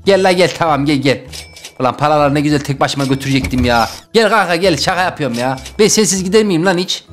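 A young man with a high voice commentates his game run, lurching from loud yelping outbursts to low mutters to himself. Faint game music plays behind him. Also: animated, fast talker. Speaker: gaming YouTuber. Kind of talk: Let's Play commentary.

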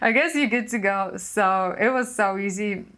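A young Russian woman with a Russian accent, a former cruise ship assistant waiter, is a guest in a casual interview, telling stories in lively, non-native phrasing. Her voice is mid-range at a moderate pace, picked up by a lapel mic in a small studio room.

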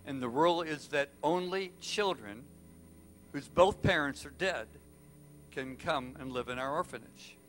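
A man's voice: on the high side, expressive, unhurried, a bit bright, a little hiss or hum. A man acting out a female orphanage receptionist who apologizes but holds firm to the rules. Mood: apologetic.

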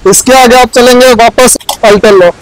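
Casting: young man, high-pitched, plain step-by-step explainer, big factory floor, clip-on mic. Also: steady tone, moderate pace, clear, resonant tone, no echo, poor audio. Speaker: factory guide. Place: large indoor garment factory floor.

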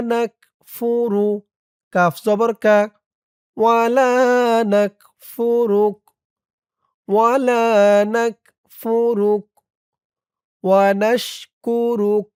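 A man with a Bangladeshi Bengali accent teaching a prayer in an Arabic lesson, spelling out each letter and vowel mark and then reciting the words slowly and drawn out. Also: sits high, smooth, no echo, clean studio sound. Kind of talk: slow syllable-by-syllable recitation lesson.

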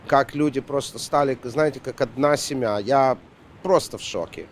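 A middle-aged man from Ukraine, a shop co-owner, answering a street interview in a quick, halting way, searching for his words. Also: medium pitch. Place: city sidewalk outdoors. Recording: loud street noise outdoors.

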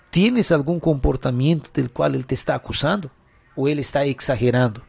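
With a fairly high-pitched, gravelly, husky voice, a middle-aged pastor answers questions in sermon form. He leans on rhetorical questions and keeps tagging his sentences with quick checks.

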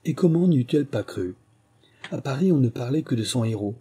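A man reads a novel aloud in a measured, literary storytelling way. His voice is mellow and dark-toned with a light husk. Steady, even narration. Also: mid-range voice, breathy edge. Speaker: audiobook reader. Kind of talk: scripted narration.

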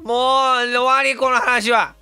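A hoarse man, talking casually on stream, excitable and quick to laugh or yell. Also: very high-pitched, no room sound, soft background music. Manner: excitable, switches between laughing and yelling. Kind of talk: casual stream talk reacting to comments.

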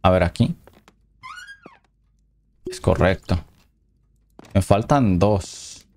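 A man's voice: low voice, extremely slow, a little mellow, slight background noise. A man commentating a horror game as he plays, reading the game's dialogue aloud between casual reactions. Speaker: gameplay commentator. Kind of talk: let's play commentary.

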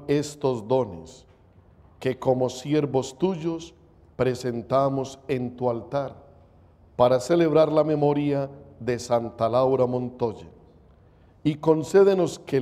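A man, a priest, leading the prayers of Mass in a slow, solemn recitation, his voice ringing with cathedral echo. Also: mid-range voice, dark tone. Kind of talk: liturgical prayer. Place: large church. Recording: long church reverb.

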